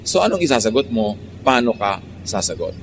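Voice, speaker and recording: A man with a Filipino accent preaching a sermon, moving between calm low emphasis and sudden high animated bursts. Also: fairly quick. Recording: long hall reverb, faint background noise.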